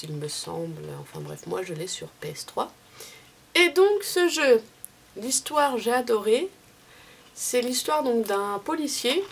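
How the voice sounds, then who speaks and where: A woman's voice: medium pitch, a little hiss or hum. A young woman giving a casual, rambling game review on her vlog, full of fillers and restarts. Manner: chatty, many fillers and restarts, self-mocking. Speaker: video blogger.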